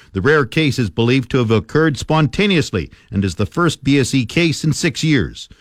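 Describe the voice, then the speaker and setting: A man's voice: on the high side, no echo, clean studio sound. A man reading scripted farm news and market prices as a radio presenter.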